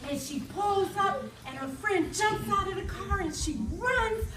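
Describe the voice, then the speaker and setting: A woman storyteller performing a scary tale for an audience, slow and dramatic, coaxing listeners to join in, in an echoey room recorded from a distance. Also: extremely high pitch, expressive, over a noisy crowd. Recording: echoey room from far off, loud background noise.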